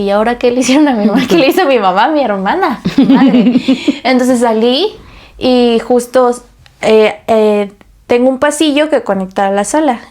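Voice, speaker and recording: A young woman, co-hosting a casual podcast and telling a story in an animated way, acting out the voices she quotes. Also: fairly high pitch. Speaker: podcast co-host. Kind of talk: casual chat.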